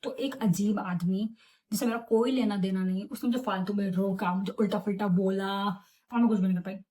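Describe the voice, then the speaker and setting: Young woman vlogger, chatty storytime, animated retelling, mid-pitched. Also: brisk. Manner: animated, chatty retelling with English words mixed in. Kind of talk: casual storytime vlog.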